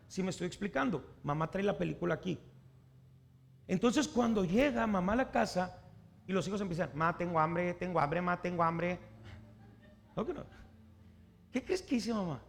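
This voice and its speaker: A male preacher with a raised, high-pitched voice. His tone carries a rough, gravelly fry. He keeps turning to his listeners with questions and acts out the voices of the people in his examples. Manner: asks the congregation questions and acts out the people he quotes. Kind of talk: sermon.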